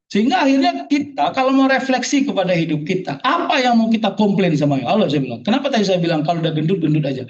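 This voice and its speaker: A man preaching a sermon to a gathering, joking and firing rhetorical questions at the audience. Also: extremely high pitch. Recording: distant, dull hall recording.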